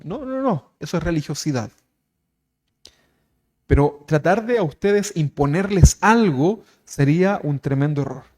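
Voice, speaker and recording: Pastor guy preaching casually, keeps asking the crowd stuff, kinda high voice for a man. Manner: animated, asks the congregation questions constantly. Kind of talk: conversational sermon.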